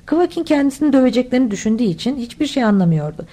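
A woman's voice: high-pitched, very animated, rapid-fire, dark tone. A woman reading a children's adventure novel aloud as an audiobook, voicing all the characters herself. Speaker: audiobook reader. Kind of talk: scripted audiobook narration.

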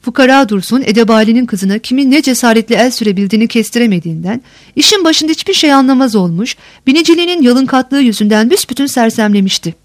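A woman reads a historical novel aloud in a measured storytelling manner. Her voice sits somewhat high. The sound is dry and close, with no room around it. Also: animated, no echo. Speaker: audiobook narrator. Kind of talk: audiobook reading of a historical novel.

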